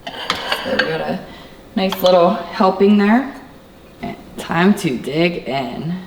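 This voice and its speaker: A woman talks through a home recipe in a relaxed, self-deprecating way, laughing off her own mistakes. Her voice sits a little low. The kitchen sounds roomy and echoey, with a faint hiss underneath. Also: slow pace, gravelly. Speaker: home cooking channel host. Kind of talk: casual cooking demo chat. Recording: echoey room with faint background noise.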